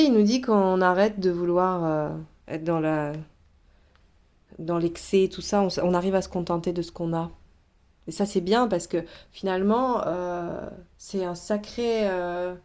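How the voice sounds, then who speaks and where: A woman giving a tarot reading, talking in a casual, reassuring way and pausing often to find her words. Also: medium pitch, a little mellow. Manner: thinking aloud, many fillers, reassuring asides. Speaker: tarot reader.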